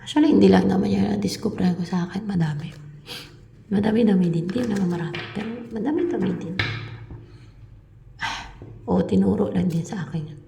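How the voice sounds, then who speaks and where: A woman's voice: medium pitch, fast, vocal fry, roomy sound, noisy background. A woman giving a meandering spiritual talk to her viewers, repeating herself and sometimes dropping into a whisper. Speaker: spiritual reader.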